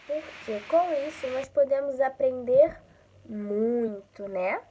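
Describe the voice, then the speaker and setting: A woman from Rio de Janeiro with a Carioca accent, teaching a school lesson slowly and patiently, often checking in with her listeners. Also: high voice, expressive, dark tone, a little hiss or hum, poor audio. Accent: Carioca Brazilian Portuguese. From Rio de Janeiro, Brazil.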